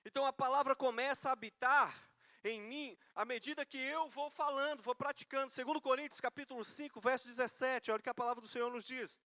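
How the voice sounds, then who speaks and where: A man's voice: very high-pitched, fast talker, bright, forceful tone, dry recording. A man with a Brazilian Portuguese accent preaching a sermon, telling stories with self-mocking humor and asking listeners rhetorical questions. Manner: asks listeners rhetorical questions, calls them brother.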